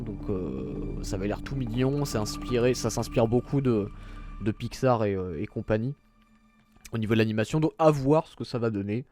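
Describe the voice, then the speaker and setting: A man's voice: medium pitch, warm tone. A man streaming a video game, chatting casually and reading menus and game text aloud, with self-mocking asides. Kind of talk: casual gameplay commentary.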